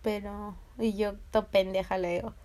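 A woman's voice: mid-range voice, normal speed. A young woman with a Peruvian accent telling a personal story casually, laughing and acting out the voices of others. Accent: Peruvian Spanish. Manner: animated, laughing, swearing, acting out quoted voices. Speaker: vlogger.

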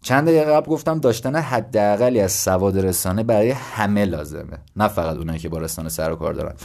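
A young man from Iran talks through his ideas on his own podcast in a relaxed, conversational way. His voice sits low, and he explains step by step, thinking aloud and poking fun at himself now and then. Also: vocal fry. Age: 20s. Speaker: podcast host. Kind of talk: casual solo podcast talk.

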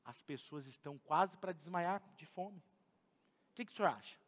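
Peter as a sheepish, hungry disciple, as a Brazilian preacher puts him on, his voice dropped much lower than the preacher's own and hushed to a timid mumble. He wavers as he asks, and a long church-hall reverb trails every word. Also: moderate pace. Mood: sheepish pleading. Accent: Brazilian Portuguese. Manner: low, hushed, hesitant mumbling.

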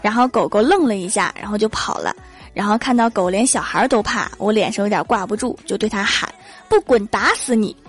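A woman's voice: medium pitch, fast, faint music behind, some chatter behind. A young woman, telling funny stories in a punchy, joking way as a comedy host. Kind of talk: comedic storytelling monologue.

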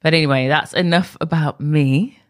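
This adult woman's voice is low and fairly even, delivered at a moderate pace. She hosts a podcast by herself, talking candidly and conversationally in a monologue that occasionally wanders off topic.

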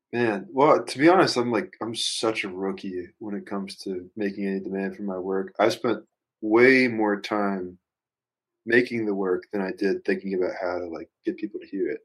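On a podcast, a man appearing as a musician guest muses out loud, casual and reflective, wandering and hesitating, with some easy swearing. His lowish voice runs at normal speed, and the recording is rough.

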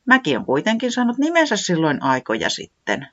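A thoughtful storybook animal friend , voiced by the reader, talks in a somewhat raised, lively voice that muses and gently suggests plans. The sound is dull and lo-fi. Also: medium pitch, voice pushed up, heavily acted. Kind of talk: storybook reading.

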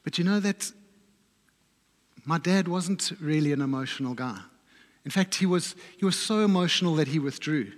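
A man preaching a sermon, telling a personal story in a reflective way and often dropping his voice low and soft. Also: expressive, normal speed, long pauses, in a large hall. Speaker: pastor. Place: church.

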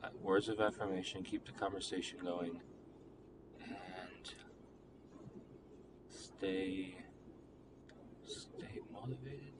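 A young man with a deep, low voice talks through a relationship in a halting, rambling way, full of fillers and restarts. He sounds reflective. Clear background noise runs under his voice. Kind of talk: personal monologue about a relationship.

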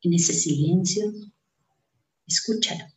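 Slow-paced woman in an echoey room. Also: fairly low pitch, a little mellow, slight background noise. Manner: unhurried short phrases with long pauses. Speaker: host leading a guided breathing meditation. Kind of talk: guided meditation, slow and soothing instruction. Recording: roomy, echoing sound.

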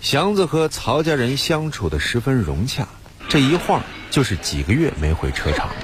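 A man's voice: medium pitch, very animated, moderate pace, faint music behind. A man narrating a story in a scripted, storytelling manner.

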